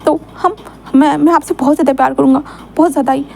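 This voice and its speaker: A woman voicing a gentle young man who speaks softly and reassuringly to someone he loves. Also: very high voice, brisk. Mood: earnest. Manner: soft, calm, reassuring. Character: gentle young man, soothing and devoted suitor.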